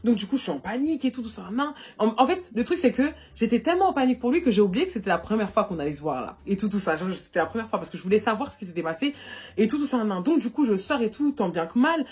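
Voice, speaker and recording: A young woman vlogger telling a personal story in a casual storytime monologue, animated and full of fillers, recorded on a phone. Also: on the high side, breathy edge. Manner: rapid and animated, full of fillers like "et tout" and "du coup".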